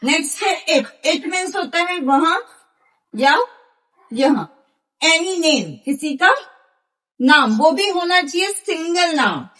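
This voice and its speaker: A woman's voice: extremely high pitch, expressive, slow, long pauses, a bit bright. A woman teaching a grammar lesson, explaining patiently and spelling out examples one by one.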